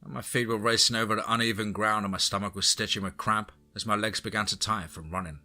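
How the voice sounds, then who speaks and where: Bright-toned male horror storyteller. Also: on the low side, steady tone, fast talker. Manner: dramatic, suspenseful storytelling. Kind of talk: scripted first-person narration. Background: soft background music.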